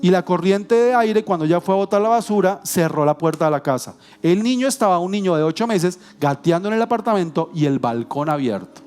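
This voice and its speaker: High-voiced pastor telling stories. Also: male voice, fairly quick, hardly any pauses, smooth, faint music behind. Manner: animated, humorous storytelling with self-corrections and jokes. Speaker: guest pastor. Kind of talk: sermon with personal storytelling. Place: church.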